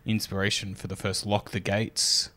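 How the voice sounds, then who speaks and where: A man's voice: on the low side, flat delivery, normal speed, sharp tone. An Australian man co-hosting a casual comedy podcast, riffing and joking and slipping into mock voices. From Queensland, Australia. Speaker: podcast co-host, stand-up comedian.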